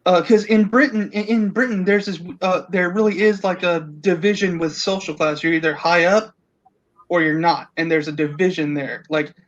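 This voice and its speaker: A man in his thirties hosting a casual film discussion, haltingly rephrasing as he thinks aloud. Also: sits high, steady tone, dull audio. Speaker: podcast host.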